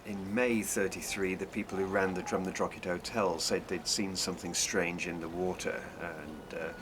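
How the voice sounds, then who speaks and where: A male interviewee talks in an explanatory, storytelling way. His voice is very low, and music plays clearly underneath. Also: steady tone, normal speed.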